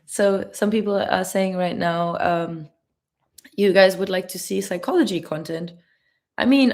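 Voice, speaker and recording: A woman's voice: on the low side, vocal fry, darkish tone. A young woman with a German accent, a travel vlogger answering chat questions on a live stream in a chatty, laughing, careful way.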